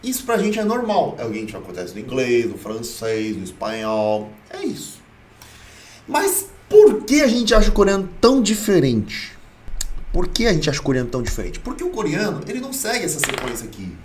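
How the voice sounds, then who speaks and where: Brazilian male teacher, animated and emphatic, fairly high voice, recorded off-mic in a reverberant room. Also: a little fast, recorded from a distance, slight background noise. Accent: Brazilian Portuguese. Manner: emphatic, blunt, playful, repeats himself. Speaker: Korean teacher. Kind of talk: online language lesson.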